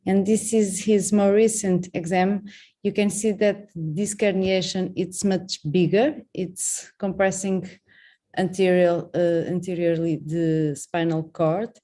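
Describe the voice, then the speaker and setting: Mellow woman presenting a surgical case. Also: on the low side, takes it slowly. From Portugal. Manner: steady, methodical case description. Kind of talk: online conference presentation.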